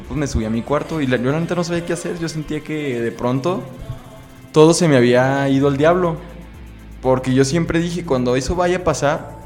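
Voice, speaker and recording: A man's voice: medium pitch, darkish tone. A young man with a Mexican accent, candidly telling a personal story in an interview and dropping casual slang. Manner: candid, emotional, fond of slang.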